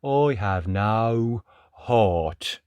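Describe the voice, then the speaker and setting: A gentle, glum storybook tin man, put on by a storyteller, who talks very slowly and deliberately. Each word plods along in a dry, close recording. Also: mid-range voice, animated, smooth, no room sound, muffled recording. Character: kind-hearted but heartless tin man, slow and glum.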